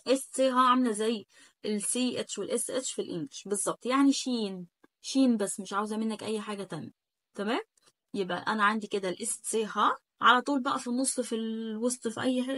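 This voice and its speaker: A chatty woman with an Egyptian Arabic accent teaches, drawing each word out slowly and repeating it several times. Her voice sits a little high. The recording is dry, with no room sound. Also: fairly even intonation, a bit bright, dry recording. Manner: drills words slowly, repeating them again and again; chatty, asks "okay?" after each point. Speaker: German teacher. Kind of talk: casual spoken lesson.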